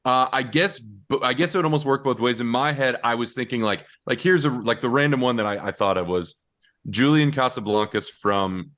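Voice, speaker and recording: Relaxed, rambling man on a podcast. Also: medium pitch, a little fast. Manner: relaxed, rambling, many restarts. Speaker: podcast co-host. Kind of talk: casual chat.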